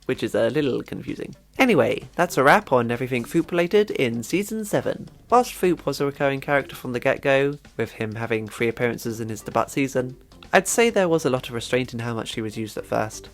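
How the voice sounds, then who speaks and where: A man's voice: medium pitch, big pitch swings, a little fast, soft background music. A man narrating a scripted video essay about a cartoon, wry and chatty in his commentary.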